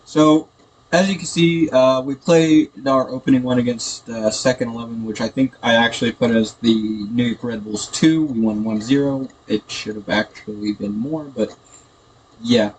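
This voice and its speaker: A man's voice: medium pitch, fairly even intonation, normal speed. A man giving casual, hesitant, rambling gameplay commentary, sounding tinny and echoey through a built-in computer microphone. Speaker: gaming video host. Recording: tinny echoey computer mic, background noise.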